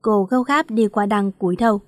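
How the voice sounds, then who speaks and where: A woman narrating a romance audiobook in an emotive storytelling manner. Her voice sits at a middle pitch. The sound is dry and close. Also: normal speed, dry recording.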